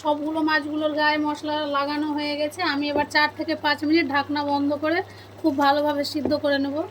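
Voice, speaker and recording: A woman narrating a cooking video step by step, calmly addressing viewers as friends. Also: sits high, fast talker, a little hiss or hum. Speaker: cooking channel host.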